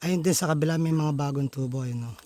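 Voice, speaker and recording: A man's voice: a little high, fast, warm tone. A man hosting a casual outdoor vlog in a bamboo grove, explaining in a friendly, chatty way and often addressing viewers as buddies. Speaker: vlogger host.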